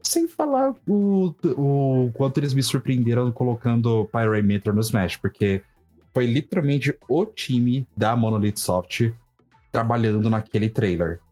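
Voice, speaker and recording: Enthusiastic Brazilian man, mid-pitched voice. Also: expressive, unhurried, darkish tone, faint music behind. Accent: Brazilian Portuguese. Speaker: podcast participant. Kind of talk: casual, personal game discussion.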